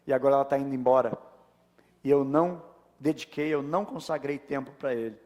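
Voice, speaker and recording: A man voicing a grieving middle-aged workaholic father, speaking in a quiet, subdued confession. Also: medium pitch, brisk, voice pushed down, lightly acted. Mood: regretful. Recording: long church reverb.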